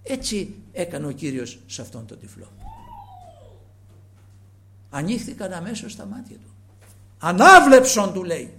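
A man preaching a sermon with passion, calling his listeners brothers, moving from loud emphasis to near whispers. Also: on the high side, very animated, vocal fry, long pauses, slight background noise.

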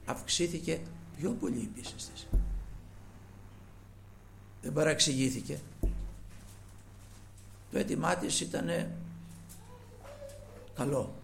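A man's voice: fairly high pitch, creaky, pauses often, slight background noise. A man preaching a sermon, earnest and retelling scripture with quoted pleas, often trailing his phrases off to a near-whisper.

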